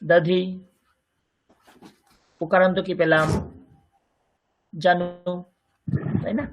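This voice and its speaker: A man's voice: high voice, level tone, extremely slow, highs cut off, noisy background. A man with a Bengali accent teaching a Sanskrit grammar lesson, patiently explaining and repeating words for his students. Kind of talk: online language lesson.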